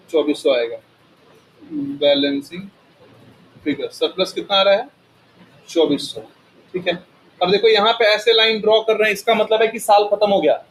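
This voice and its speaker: A man's voice: high voice, slight background noise, low-quality recording. A man teaching accounting to a class. He keeps firing questions at the students and often answers them himself. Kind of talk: classroom lecture.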